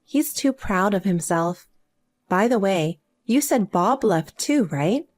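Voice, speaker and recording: A woman voicing a calm, self-assured adult younger sister who speaks matter-of-factly. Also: mid-range voice, slow pace, pitched below the performer's own voice. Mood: cool. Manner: cool and matter-of-fact.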